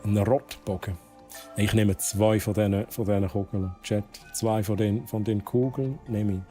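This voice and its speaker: A man's voice: lowish voice, fairly even intonation, unhurried, dark tone, soft background music. A man with a Swiss German accent streaming a game, chatting casually with viewers, laughing often and reading the game's text aloud. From Switzerland. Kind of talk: casual gameplay commentary.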